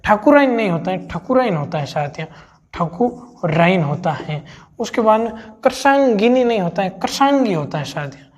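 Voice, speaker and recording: A male teacher giving an exam-prep grammar lesson, who repeats each word slowly and keeps addressing the class as friends. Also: high-pitched, expressive.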